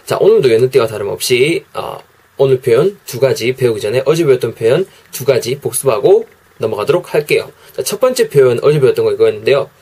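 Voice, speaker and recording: A man teaching English expressions in a daily video lesson, explaining gently and repeating each phrase slowly. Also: mid-range voice, expressive, slightly rough.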